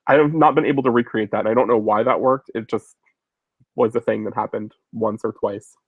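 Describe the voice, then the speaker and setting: A man in his thirties hosts a casual chat, answering viewer questions while a little sick and sniffling. His fairly low voice is steady, fairly quick and breathy, and he rambles with many fillers and restarts. The recording is dry, narrow and tinny.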